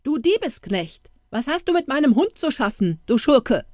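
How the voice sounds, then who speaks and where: A woman voicing a rough, angry poultry dealer man who barks and scolds. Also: sits high, big pitch swings, moderate pace, mellow, dry recording, clean studio sound, voice pushed up. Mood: gruff scolding. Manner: barking, scolding.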